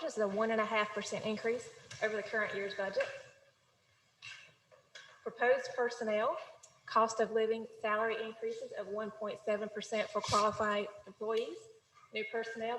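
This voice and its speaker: A woman on city staff presenting a budget at a council meeting, reading out figures in a steady, businesslike way. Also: fairly high pitch, a little hiss or hum. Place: council chamber. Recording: echoey chamber with long reverb.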